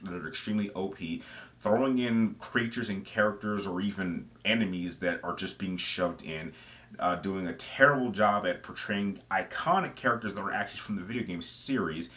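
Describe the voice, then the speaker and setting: In a low, slightly bright voice, a man hosts a gaming video with semi-scripted, casual commentary. He explains what he thinks conversationally and punches certain phrases for emphasis.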